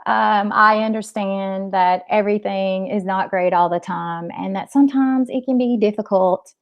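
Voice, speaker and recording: A woman speaking as a spiritual coach, giving an informal healing talk in a gentle, hesitant way with frequent pauses. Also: medium pitch, fairly even intonation, smooth, muffled recording. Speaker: spiritual coach and energy healer.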